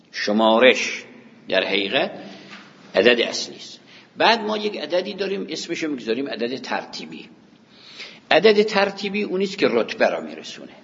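A man teaching a classroom lecture, patiently explaining and counting examples aloud for his students. His voice carries a long hall reverb, and the recording sounds dull and muffled. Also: medium pitch. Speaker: teacher of Arabic grammar.

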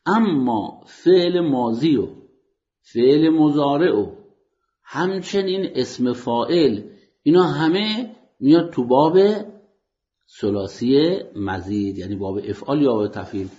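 A man's voice: mid-range voice, lively intonation, pauses often, warm tone, dull audio. A man teaching Quranic grammar in a lecture, asking questions and answering them himself, with formal polite phrasing. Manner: explanatory, poses questions to listeners then answers them.

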